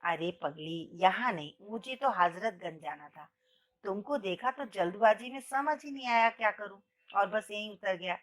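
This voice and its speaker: A woman voicing a gentle, grey-haired older male teacher who speaks softly and kindly in a told story. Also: mid-range voice, expressive, normal speed, lightly acted. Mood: soft, regretful. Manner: soft, fatherly, calls her "beti".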